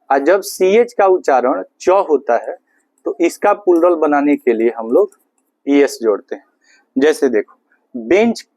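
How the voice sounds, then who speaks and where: A man teaching a grammar class, asking questions and answering them himself, and spelling words out slowly letter by letter. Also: a little high, darkish tone, no echo. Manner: asks questions and answers them himself, calls students "babu".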